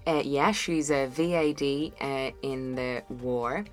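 A woman's voice: extremely low pitch, slow pace. A woman guesting on a casual studio interview, easygoing and giggly. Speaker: actor guest. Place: recording studio.

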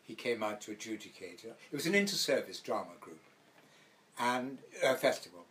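An older Welshman with a light Welsh accent reminisces as an actor guest in an interview, rambling through anecdotes and acting out the voices of people in his stories. His pitch is fairly low and his tone fairly bright, with lively intonation at a moderate pace.

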